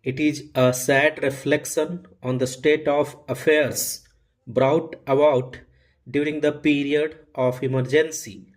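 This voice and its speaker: Man dictating in slow, measured phrases. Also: on the high side, little pitch movement. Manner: dictating, in short measured phrases with deliberate breaks. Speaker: shorthand dictation reader. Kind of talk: dictating a legal passage at a measured 95 words per minute.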